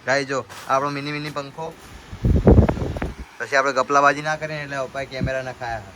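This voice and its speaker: A man's voice: mid-range voice, level tone, fairly quick, heavy background noise. A man running a small shop, chatting casually to his viewers and showing off his stock. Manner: chatty, keeps addressing viewers as guys. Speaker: shopkeeper vlogger. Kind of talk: casual vlog commentary.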